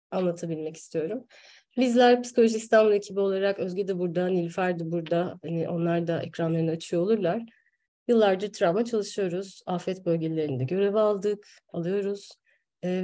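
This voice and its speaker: Mellow-voiced woman opening an online session. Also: fairly low pitch. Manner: earnest, halting speech with many pauses and fillers. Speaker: host of online psychology session. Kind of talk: opening remarks at an online workshop.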